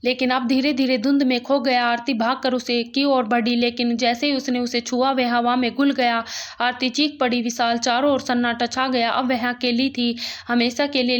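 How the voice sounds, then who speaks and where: A woman narrating a dramatic, emotional story in a steady, even-toned reading. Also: a little high.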